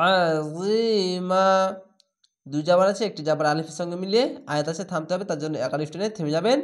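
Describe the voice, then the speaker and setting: A man teaching how to read the Quran, spelling each syllable slowly, blending the sounds and giving viewers direct instructions. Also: fairly high pitch. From Bangladesh. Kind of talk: slow spelled-out recitation lesson.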